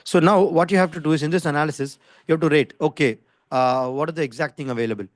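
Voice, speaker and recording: On an online video call with screen share, a man who teaches design skills speaks quickly in Indian English. His voice is a touch high and sounds dry and close, with no room sound. He explains informally but insistently, repeats himself, and checks for understanding often.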